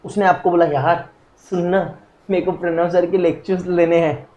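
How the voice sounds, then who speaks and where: A young man with an Indian accent teaching a recorded law lecture in a lively, jokey way, acting out little dialogues between people. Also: sits high, normal speed, roomy sound, highs cut off.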